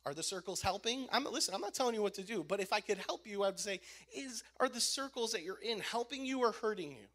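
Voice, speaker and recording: A man's voice: sits high, animated, fast, hardly any pauses, fairly bright tone. A man who works as a youth minister, preaching an emphatic sermon and repeating key lines for emphasis. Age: adult.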